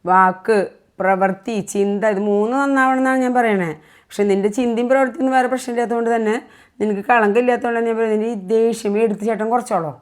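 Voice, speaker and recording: A woman's voice: a little high, steady tone, fast talker. A middle-aged woman speaking as a mother in a casual family vlog, lecturing earnestly and repeating her points. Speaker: mother vlogger.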